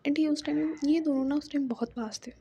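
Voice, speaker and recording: A woman's voice: high voice, steady tone, fairly quick, dark tone, highs cut off, slight background noise. Chatty woman telling a love story. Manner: chatty, full of fillers and asides. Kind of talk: casual story narration.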